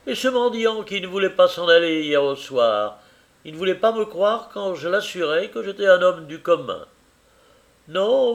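A man's voice: high-pitched, creaky, voice pushed up, full character voice. A man reading aloud, voicing a poor, doting old toymaker father who speaks cheerfully and reassuringly.

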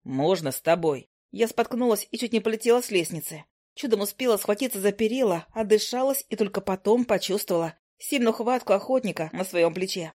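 A woman narrating a first-person fantasy audiobook, voicing an indignant heroine in a lively way. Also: medium pitch, a little fast, few pauses.

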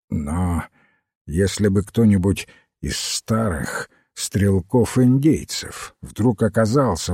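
A hoarse, curt old frontier veteran, read by a man in an audiobook. His voice is husky and mellow and his delivery is unhurried. The recording is dry and close. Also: mid-range voice, no room sound, full character voice. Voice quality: hoarse, growling. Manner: curt and grumbling. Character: gruff old male frontier veteran, touchy.

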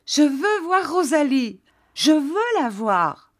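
A woman's voice: fairly low pitch, measured pace, mellow, husky, dry recording. Young wife, upset, demanding, emotional, woman reader, dry studio. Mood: distraught. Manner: insistent, emotional.

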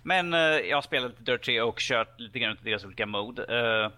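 A man's voice: mid-range voice, expressive, pushed and bright. A man on a gaming podcast, chatting loosely and joking at his own expense. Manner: rambling, jokey, self-mocking. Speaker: podcast co-host. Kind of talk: casual gaming podcast chat.

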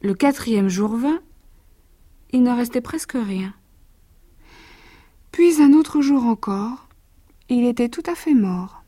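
An actress reading rhymed children's stories aloud with lively rhythm, and recalling them more quietly between readings. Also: female voice, on the high side, takes it slowly, pauses often.

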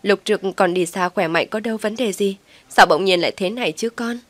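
A woman voicing a distraught middle-aged mother who pleads loudly through tears. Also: medium pitch, brisk, no room sound, close to an everyday voice. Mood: tearful pleading. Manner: tearful, loud and pleading.

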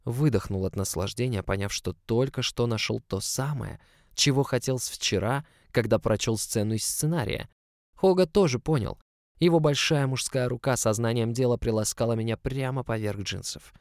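A man's voice: mid-range voice, moderate pace, no room sound. A man narrating a story in the first person, in an intimate, close storytelling manner. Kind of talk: audiobook narration.

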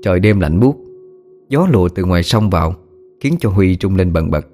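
Low-voiced male storyteller. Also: expressive, normal speed, mellow. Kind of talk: audiobook narration.

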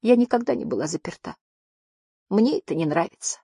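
A woman's voice: animated, fairly quick, gravelly, warm tone, husky, dry recording, clean studio sound. A woman voicing a tiny, timid young female creature who speaks in a thin little voice. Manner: high, thin, frightened.

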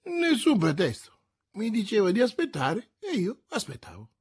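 A man putting on a nervous, fawning middle-aged shopkeeper with a husky, breathy edge. His voice climbs high and jumps about as he pleads anxiously in this audiobook scene. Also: wildly swooping pitch, normal speed, a little mellow, full character voice. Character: frightened fawning middle-aged male haberdasher.

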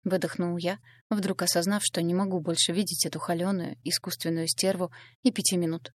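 A woman with a lowish voice narrates a novel in an even, measured storytelling way. The recording is dry and close, with no room sound. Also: dry recording. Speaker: audiobook reader.

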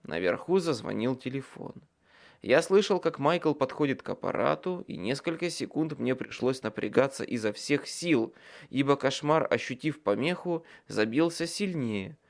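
A man's voice: medium pitch, animated, moderate pace, creaky. Man narrating a tense audiobook. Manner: tense, dramatic storytelling. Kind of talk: first-person audiobook narration.

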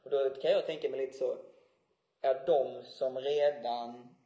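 Male co-host, warm dark tone, asks questions and thinks aloud, roomy recording. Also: medium pitch, fairly even intonation. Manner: asks questions, musing and hesitant. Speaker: podcast co-host. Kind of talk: casual chat.

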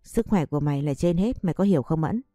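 A woman's voice: low-pitched, animated, quick pace, warm tone, no echo, studio quality, faint music behind. A woman voicing a young female friend who is worried and protective, speaking urgently in an audiobook story. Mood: pleading. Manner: urgent, pleading. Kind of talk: audiobook narration.

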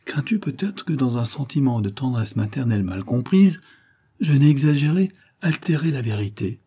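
A man's voice: mid-range voice, expressive, moderate pace, warm tone, breathy edge, pitched above the performer's own voice. A man voicing the Countess de Trémeuse, an aging mother who speaks tenderly and solemnly to her son, in an audiobook reading. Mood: concerned.

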